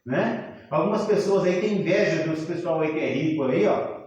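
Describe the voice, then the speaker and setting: A Brazilian pastor with a fairly high voice teaches from the pulpit in a loose, conversational way, quizzing the congregation as he goes. The church around him is strongly echoey. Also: moderate pace, muffled recording. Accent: Brazilian Portuguese. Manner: conversational preaching, quizzes the congregation, rises to shouting. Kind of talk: teaching sermon. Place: church hall.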